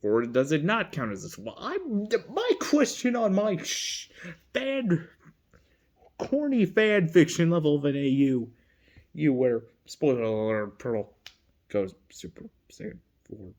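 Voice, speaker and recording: Giggly rambling fandom vlogger, lively pitch. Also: takes it slowly. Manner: rambling, giggly, lots of self-corrections and asides. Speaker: fandom video creator. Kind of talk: casual rambling commentary.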